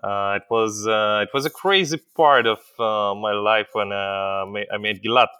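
A middle-aged man from Ukraine recounts his past as an interview guest, pausing often on fillers. His voice sits low yet sounds bright and crisply clear. The sound is dry, with almost no room echo. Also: fairly even intonation. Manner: hesitant, many fillers. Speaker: company CEO, guest. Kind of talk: interview storytelling.

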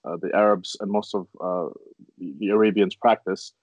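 A man's voice: low voice, steady tone, moderate pace, darkish tone, no echo. A man from Afghanistan hosting a casual conversation, curious and thoughtful, often restarting his sentences.

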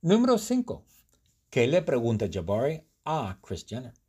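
Man teacher, slow storytelling lesson, lively pitch, slightly husky. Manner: clear, deliberate, quizzing. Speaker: language teacher.

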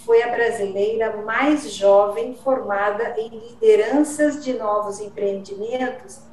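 A woman's voice: on the high side, a little hiss or hum. A woman hosting an interview, introducing her guest in an admiring, formal way. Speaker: interview host. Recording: roomy, distant from mic.

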